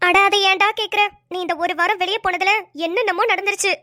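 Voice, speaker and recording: A woman voicing a bossy, sharp-tongued young wife who scolds and trades insults in a cartoon. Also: extremely high pitch, fairly even intonation, fast, no echo, studio quality. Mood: scolding. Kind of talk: cartoon voice acting.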